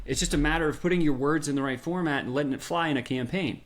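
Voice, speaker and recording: A middle-aged man, a podcast guest, telling his business story in a lively way and acting out the quotes. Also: on the high side, fast, a crowd in the background.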